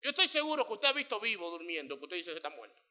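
Middle-aged guy preaching, super bright tense voice, a bit high, acts out bits in voices. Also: rapid-fire. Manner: animated, acts out little scenes in voices. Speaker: pastor. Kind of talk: sermon.

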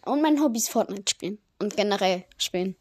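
A woman's voice: medium pitch, expressive, fairly quick. A teenage girl hosting a casual podcast, joking around and trailing off into murmured asides. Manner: giggly, jumps between loud jokes and murmured asides. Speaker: podcast host.

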